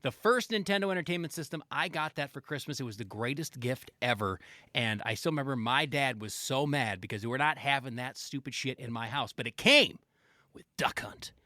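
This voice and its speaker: Brief: podcast co-host man, bright and lively voice, blunt and cussing. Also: mid-range voice, fairly quick, no room sound. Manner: profane, punchy anecdotes. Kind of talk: casual chat.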